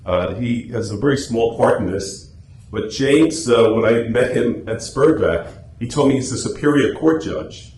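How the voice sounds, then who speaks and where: This man's mid-range voice has a darkish tone and an unhurried pace as he presents informally to a small club audience in a meeting room. A radio script writer, he keeps things chatty and anecdotal, and the room sounds echoey with faint noise.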